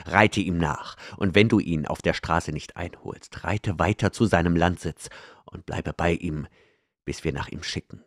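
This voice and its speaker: A man's voice: deep voice, no room sound, clean studio sound. A man voicing a scheming, arrogant male outlaw noble in an audiobook, cold and domineering. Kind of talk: audiobook character reading.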